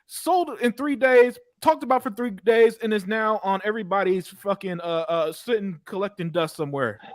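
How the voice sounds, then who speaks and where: A man co-hosting a gaming podcast, talking excitedly and emphatically in casual profane chat, mockingly quoting rivals. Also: sits high, normal speed, dry recording, clean studio sound. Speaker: podcast co-host.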